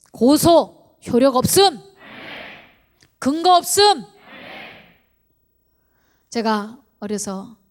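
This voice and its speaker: A woman pastor preaching an animated sermon. She fires rhetorical questions at the congregation and urges them on. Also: fairly high pitch. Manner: animated, acts out believers' inner voices.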